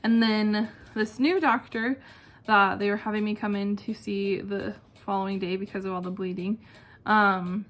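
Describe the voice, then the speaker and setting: A woman's voice: mid-range voice, fairly even intonation, normal speed, fairly bright tone. Chatty young woman vlogging, fan clicking behind. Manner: chatty, informal, self-deprecating. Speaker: video channel host. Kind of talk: casual one-take vlog chat, answering questions. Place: at home, indoors. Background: clicking ceiling fan, possible neighbors talking outside.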